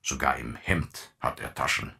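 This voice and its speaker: Brief: a cornered, desperate son, read by a male narrator, quiet and deep-voiced. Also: measured pace, creaky, full character voice. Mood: muttering.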